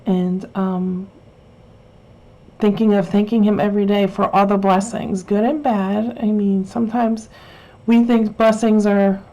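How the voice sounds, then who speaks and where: Mellow-voiced woman teaching a craft. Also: mid-range voice, little pitch movement, measured pace, rough recording. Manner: chatty, rambling, self-correcting with frequent fillers. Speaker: Bible journaling instructor. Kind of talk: casual craft tutorial.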